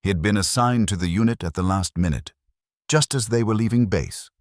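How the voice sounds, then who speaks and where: A man narrating a dark fantasy audiobook in a steady, measured storytelling manner. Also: fairly low pitch, no echo, clean studio sound.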